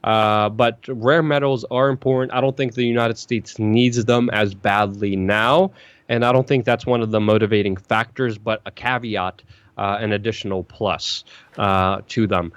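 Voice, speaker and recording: A man's voice: fairly low pitch, steady tone, clean tone, no room sound. Poland-born man hosting a live stream, dry mic. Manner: rapid, restarting, repeats phrases. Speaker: host. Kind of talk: casual live-stream chat.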